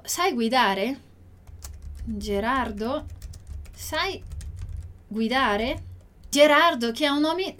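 A Brazilian woman with a high voice leads an online Italian lesson. She speaks patiently and clearly, slowing down to repeat each word for pronunciation. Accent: Brazilian Portuguese. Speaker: Italian teacher.

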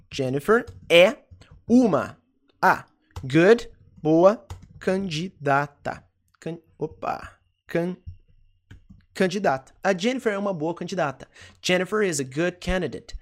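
An English teacher with a Brazilian Portuguese accent, giving a lesson and slowly repeating each phrase with frequent check-ins. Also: mid-range voice. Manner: slow careful repetition, frequent "ok?" check-ins. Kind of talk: online language lesson.

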